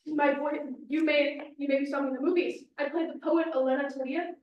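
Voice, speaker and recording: A woman's voice: sits high, steady tone, a little fast, muffled recording. A woman reading a play aloud, playing a proud, boastful actress who is on edge. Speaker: actor in a staged reading, playing an actress fleeing Kyiv. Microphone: distant microphone. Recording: echoey room, distant mic, faint noise.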